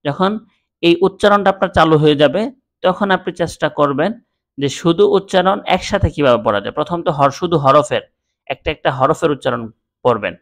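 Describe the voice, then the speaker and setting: A man teaching Quran reading, sounding out letters slowly one syllable at a time and explaining the rules more quickly between the drills. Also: a little high, lively intonation. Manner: slow syllable-by-syllable drilling, faster plain explanations. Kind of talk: spelling drill lesson.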